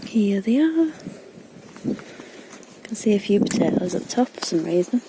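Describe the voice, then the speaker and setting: A woman's voice: medium pitch, big pitch swings, measured pace. Chatty woman vlogging outdoors, noisy. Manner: chatty, talks to her dog while working. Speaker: gardening vlogger. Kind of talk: casual vlog narration. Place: outdoor allotment garden. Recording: outdoor recording with clear background noise.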